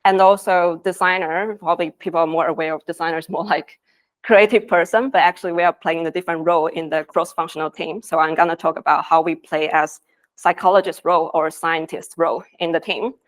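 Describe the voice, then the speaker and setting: A woman from Taiwan, a design lead, delivers an earnest conference presentation with non-native phrasing. Her pitch is fairly low, her tone steady, and her pace brisk.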